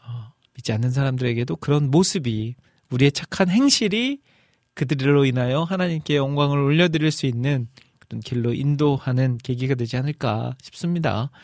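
Chatty middle-aged man hosting, dry close sound. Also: no echo. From North Jeolla, South Korea. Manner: chatty and friendly, jumps up in pitch when reading out comments. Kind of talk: casual live show chat, reading listener messages.

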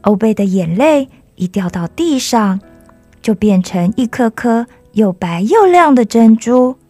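A woman storyteller reading a children's story, with a fairly high voice recorded dry and close. Her narration is gentle and even. Faint music plays under her. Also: a little slow, dry recording.

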